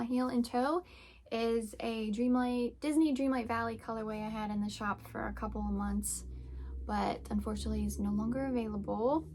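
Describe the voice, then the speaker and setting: A young woman with a somewhat high voice and a crackly, fried edge chats casually on her crafting podcast. She rambles easily, full of "like" and "um", as she talks through her projects. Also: gravelly. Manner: chatty, rambling with many fillers. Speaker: podcast host and yarn dyer. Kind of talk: casual chat.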